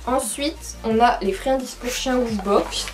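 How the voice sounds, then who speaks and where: A young woman chatting casually as she unboxes a monthly pet box, chatty and full of fillers and excited asides. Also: on the high side, a little slow, over music. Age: young adult.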